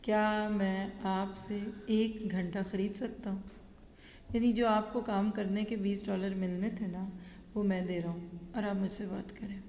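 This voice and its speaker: A woman playing a small boy pleading softly. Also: medium pitch, level tone, slight background noise, lightly acted. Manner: slow, hushed pleading. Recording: echoey hall, dull sound.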